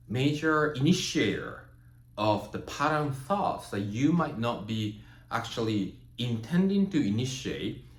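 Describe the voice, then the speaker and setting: A man from Japan whose first language is Japanese, giving a measured, reflective spiritual teaching talk and often checking in with "right?" and "you know". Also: fairly low pitch, fairly bright tone. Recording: roomy echo.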